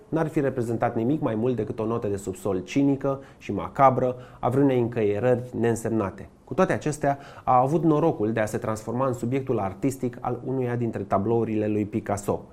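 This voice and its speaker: A male narrator reads a scripted art documentary in a calm, measured way. His voice sits at an ordinary middle pitch. He slows down on key phrases for weight.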